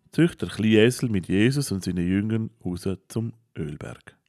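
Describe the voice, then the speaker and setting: A man tells a children's Bible story. His low voice stays calm and plain. The sound is close and dry, with no room echo. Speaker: narrator.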